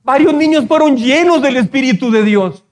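A man's voice: extremely high pitch, expressive, normal speed, a little mellow. A middle-aged man preaching a sermon as pastor, fervent, repeating key phrases and speaking straight to the congregation. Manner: addresses the congregation directly.

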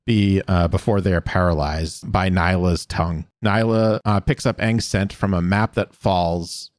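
A man with a low voice co-hosts a chatty podcast, walking through an episode and slipping into short voiced quotes of the characters. His sound is dry and close to the mic. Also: steady tone, no room sound. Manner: retells scenes with quick voiced quotes and fillers. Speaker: podcast co-host recapping episodes. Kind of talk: casual chat, reading episode recap.

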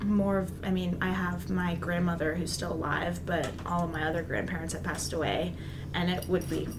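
A woman in her twenties hosting a casual interview podcast, bubbly and quick to react. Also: fairly low pitch, steady tone, noisy background. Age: 20s. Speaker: podcast host, real estate agent.

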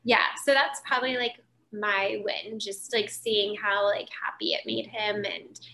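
A woman's voice: medium pitch, steady tone, unhurried, vocal fry, pushed and bright, slight background noise, poor audio. A woman in her thirties, a mother co-hosting a casual chat show, talking loosely with many fillers. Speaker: podcast co-host, mother.

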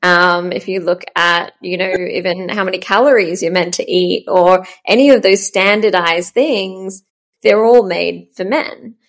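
A woman, a startup founder chatting in an interview, full of ums and soft laughs. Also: on the low side, fairly even intonation, unhurried. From Australia. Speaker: startup founder, podcast guest. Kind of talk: casual interview chat.

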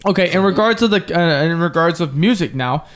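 A man's voice: fairly high pitch, animated, fairly quick, a bit bright. A young American man hosting a casual podcast, talking in slangy bro speak with lots of swearing. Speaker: podcast host.

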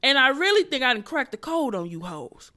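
A woman comedian hosting her podcast alone, ranting in loud, profane, animated bursts that sometimes drop to a whisper. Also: sits high, brisk. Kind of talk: solo comedic rant.

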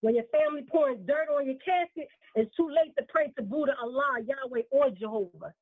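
A woman with a high voice recites spoken word poetry in a rhythmic, measured cadence. She is heard through a speakerphone, so her voice comes across tinny and phone-like. The sound is dry, with no room around it. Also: no room sound. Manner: rhythmic, measured rhyming delivery. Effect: speakerphone call. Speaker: poet and show co-host.

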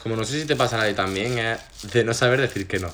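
A young man hosting a podcast, talking things through in a relaxed, reflective way with many asides. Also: on the low side, fast, background noise. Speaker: podcast host. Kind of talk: casual chat.

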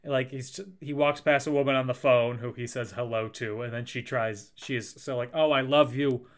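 A man's voice: mid-range voice, moderate pace. A man co-hosting a casual podcast, recounting a film's plot and acting out lines from it. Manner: recounts plot, acts out quotes with lively jumps. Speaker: podcast co-host. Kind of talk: casual film recap chat.

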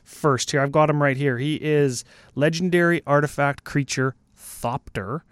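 A podcast co-host chats casually from a small broom closet, laid-back and joking, sometimes losing his train of thought. His voice is a little high with fairly even intonation and a slightly slow pace, and the good studio mic captures a clear, resonant tone with no echo.

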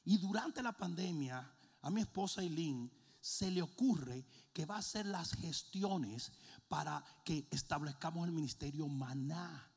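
A middle-aged male pastor preaching with a gravelly, rough edge to a rather high voice. He tells his stories in an animated way, dropping to low asides and then rising to shouts. He mixes English words into his preaching. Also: unhurried, long reverb tail. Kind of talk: sermon with a comic story.

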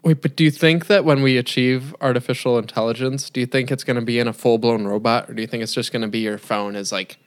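A man's voice: medium pitch, fairly even intonation, fast, hardly any pauses. Young male co-host, playful, asks lots of questions, recorded remotely, mid-range voice. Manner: joking, asks questions and bounces between ideas. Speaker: podcast co-host. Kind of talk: casual chat.

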